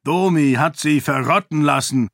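A man voicing a stern, cunning male warrior priest with a slight foreign accent, speaking calmly and condescendingly. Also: fairly high pitch, no echo, studio quality, pitched above the performer's own voice, lightly acted. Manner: calm, measured, condescending.

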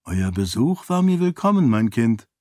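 A man reading an audiobook, voicing a small, kindly, absent-minded old priest who speaks gently and dreamily. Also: medium pitch, very animated, normal speed, no room sound, studio quality, close to an everyday voice. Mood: gentle. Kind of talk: audiobook character voice.

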